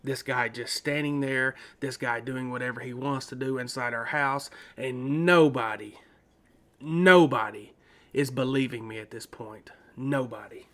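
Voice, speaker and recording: A man's voice: medium pitch, measured pace, fairly bright tone. A man earnestly retelling a frightening paranormal experience from his teenage years, dramatic and full of repetitions. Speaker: storyteller. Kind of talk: first-person paranormal story narration.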